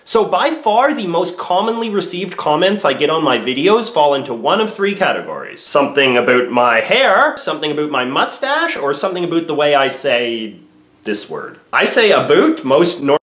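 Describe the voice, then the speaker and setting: A man's voice: fairly high pitch, sing-song, normal speed, a bit bright. A man, a video creator, vlogging to camera in a playful, self-mocking way. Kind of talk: vlog to camera. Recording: roomy echoey room.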